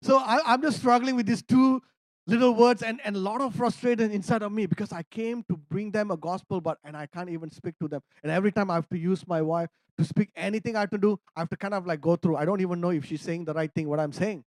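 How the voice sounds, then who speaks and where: Lively high-voiced male pastor preaching. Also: quick pace, no room sound, studio quality. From India. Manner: animated, laughs often, acts out dialogue. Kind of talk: sermon storytelling.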